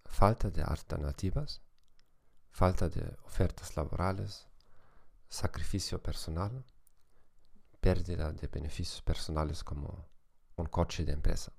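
A low-voiced man with a strong gravelly creak hosts an educational podcast. He has a German accent, as a native German speaker does. His delivery is scripted and didactic, set out in short, separate phrases. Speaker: podcast host and psychology lecturer.

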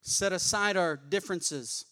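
A man's voice: sits high, unhurried, pushed and bright. A male pastor, preaching a sermon in a colloquial, call-and-response style.

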